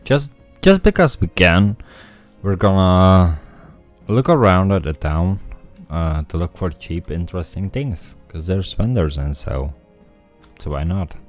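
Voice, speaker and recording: A man streams a game, thinking aloud and reading the story text himself in a casual commentary, with faint music behind him. His low voice is a little slow, with lively intonation.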